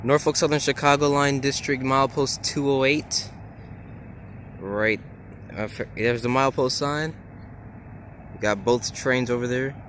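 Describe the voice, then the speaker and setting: A man vlogging trackside outdoors, excitedly narrating passing trains, stumbling over his words and whooping at horns. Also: mid-range voice, unhurried, pauses often. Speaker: railfan vlogger. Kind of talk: excited on-the-spot vlog narration. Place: outdoors beside railroad tracks. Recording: faint outdoor noise.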